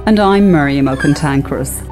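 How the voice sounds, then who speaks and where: A woman's voice: sits low, a little fast, music in the background, voice pushed down, close to an everyday voice. A woman voicing a vain, cantankerous stepsister with a smug, boastful manner.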